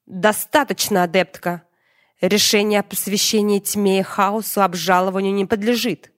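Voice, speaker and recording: A woman's voice: medium pitch, steady tone, normal speed, close to an everyday voice. A woman reading the lines of a stern, commanding male demon ruler in an audiobook. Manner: formal, authoritative.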